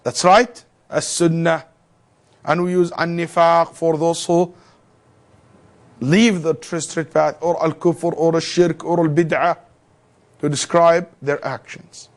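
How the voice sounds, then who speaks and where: This male theology teacher speaks slowly in a fairly high pitch, delivering an animated lecture. He peppers the students with rhetorical questions and slips in jokes along the way.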